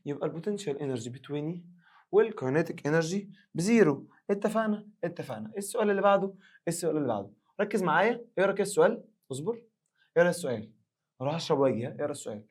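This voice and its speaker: A young man with an Egyptian Arabic accent teaching a recorded science revision lesson, joking with imagined students and reading the English questions slowly. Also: a little high, expressive, a little mellow, breathy edge.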